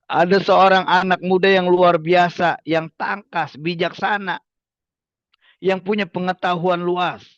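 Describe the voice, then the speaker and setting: A male Islamic preacher with a high voice, recounting a story and tossing rhetorical questions to his listeners. The sound is dry and close, with a slightly dull, lo-fi quality. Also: fairly even intonation, a little slow, fairly bright tone, dry recording. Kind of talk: religious study lecture.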